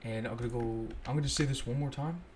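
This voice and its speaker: A man's voice: medium pitch, fast talker, a little hiss or hum. Young man thinking aloud over code. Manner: relaxed, thinks aloud, self-correcting. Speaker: scripting tutorial host. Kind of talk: casual screen-recorded coding walkthrough.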